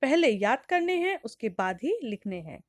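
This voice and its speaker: A woman's voice: fairly high pitch, big pitch swings, moderate pace, no room sound, studio quality. A woman teacher with an Indian English accent, mixing Hindi and English in a lesson for young children and spelling words out letter by letter. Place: school recording.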